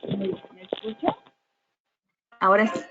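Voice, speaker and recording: A woman's voice: medium pitch, expressive, takes it slowly, dull audio, very noisy. A woman moderating an online workshop, reading out questions and handing over the microphone. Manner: brief and courteous.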